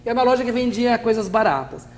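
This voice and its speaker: A middle-aged Brazilian man with a Brazilian Portuguese accent, an English teacher guest telling lively stories in a TV interview and acting out what people said. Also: very high voice, racing, a little hiss or hum. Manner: animated, acts out quoted speech, laughs often. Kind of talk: TV interview storytelling.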